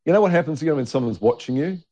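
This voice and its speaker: A man co-hosting a podcast, telling a story in relaxed casual chat. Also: on the high side, very fast, dry recording. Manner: chatty anecdote-teller, laughs easily. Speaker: podcast co-host. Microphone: studio mic.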